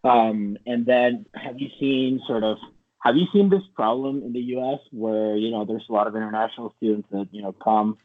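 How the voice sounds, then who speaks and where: A man with a mid-range voice hosts a casual interview, speaking at normal speed. His questions meander and are loosely phrased, coming through a thin, narrow-band connection.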